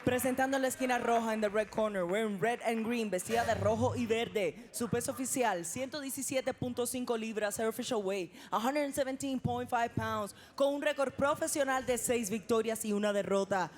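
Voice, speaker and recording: A woman ring announcer introducing fights in Spanish and English in a formal, grandly drawn-out lucha libre manner. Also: fairly high pitch, some chatter behind, slight background noise. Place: live fight arena.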